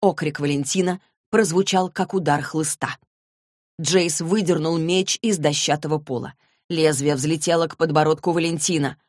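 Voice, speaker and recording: A woman with a fairly low voice reads the narration of an audiobook in a steady, dramatic manner. The recording is dry and close, with no room sound. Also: moderate pace, no room sound. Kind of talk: scripted narration.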